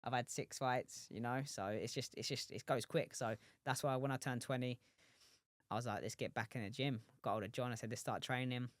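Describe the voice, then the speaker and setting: An English professional boxer in his twenties chats as a guest on a casual interview podcast, rambling with lots of restarts, asides and "do you know what I mean." His medium-pitched voice is fairly even in intonation and a little fast, with no echo.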